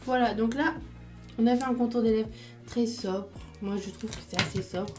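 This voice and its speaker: A woman's voice: a little high, steady tone, normal speed, over music. A woman chatting casually through her makeup routine step by step, with small fillers as she goes. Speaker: beauty vlogger.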